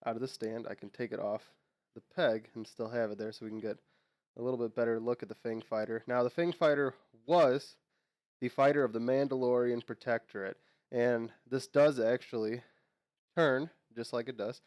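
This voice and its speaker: This young channel host has a mid-range, darkish voice with fairly even intonation at normal speed, stuffed up and nasal from a cold. The clean studio recording is dry. His casual unboxing and lore chat rambles along, full of fillers and false starts.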